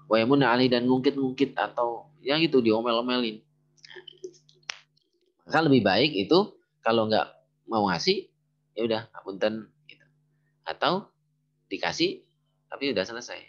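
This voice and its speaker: A man teaching Arabic grammar in a casual lesson, often pausing to think aloud and search for the right word. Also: fairly low pitch, a bit bright. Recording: dull lo-fi recording.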